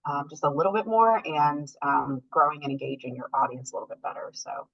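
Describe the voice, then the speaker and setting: A woman workshop instructor teaches an online class over a group voice call, explaining step by step with many filler ums. Her deep voice is creaky and fairly bright, with lively intonation and a slightly fast pace. The call audio sounds dull and lo-fi.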